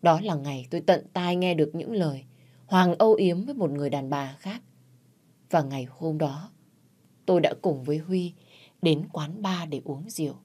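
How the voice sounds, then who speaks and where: A woman telling a first-person audio story in a soft, subdued narrating voice. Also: low-pitched, moderate pace, husky.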